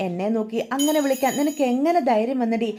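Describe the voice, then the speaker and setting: A bitter, stubborn mother, played by a woman storyteller scolds in a harsh, unforgiving way. The voice sits a little high with a soft, mellow tone, all in a spoken storybook retelling. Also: fast talker, slight background noise, natural voice. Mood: angry, bitter.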